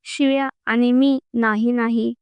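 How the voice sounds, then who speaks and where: A woman's voice: fairly high pitch, fairly even intonation, unhurried, clean tone, no room sound, highs cut off. A woman voicing a shy, timid young woman who speaks hesitantly in a storybook reading. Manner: hesitant, fearful.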